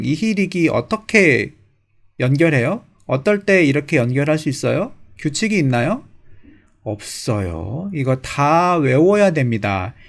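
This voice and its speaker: A man explains grammar to language learners, drilling verb pairs one by one. His voice sits a little high and moves up and down a lot, with an animated teacher's delivery.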